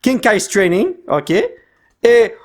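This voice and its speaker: Man, unboxing commentary, excitable, very lively pitch. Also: extremely slow. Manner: excitable, sprinkles English slang, reads card names aloud. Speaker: YouTuber opening card packs.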